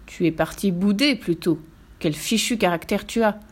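A woman's voice: mid-range voice, moderate pace, natural voice. A woman voicing a stern old male owl who scolds in a children's story. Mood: scolding. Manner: scolding, bossy. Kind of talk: storybook voice acting.

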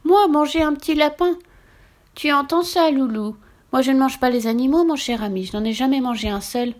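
Woman doing a lonely kind witch woman, high and sing-song, storybook. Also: brisk, a little mellow, lightly acted. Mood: amused. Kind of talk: storybook reading.

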